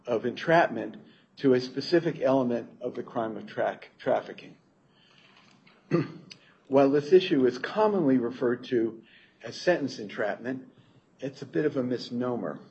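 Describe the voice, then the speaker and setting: A man speaks as an appellate lawyer, giving a formal, explanatory legal argument in a somewhat halting way. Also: mid-range voice, a little mellow, breathy edge. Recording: dull courtroom recording, faint noise.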